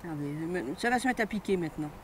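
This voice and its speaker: A woman's voice: lowish voice, fast talker. An older woman chatting cheerfully while fishing on a riverside platform outdoors, as an angling club president. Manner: chatty, cheerful, laughs easily. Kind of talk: casual chat while fishing. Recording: outdoor riverside recording with steady noise.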